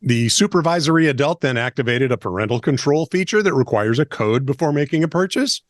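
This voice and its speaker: Lively joking male news co-host. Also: medium pitch, fairly quick, dry recording, studio quality. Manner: jokey, lively, reads stories with wry asides. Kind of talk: comedic news banter.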